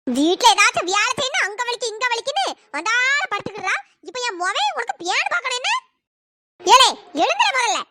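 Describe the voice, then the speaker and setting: A woman's voice: extremely high pitch, big pitch swings, fairly quick, heavy background noise. A woman voicing a furious, cursing old mother-in-law in a cartoon. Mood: furious scolding. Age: older. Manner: shrieking, cursing, scolding. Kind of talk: cartoon voice acting.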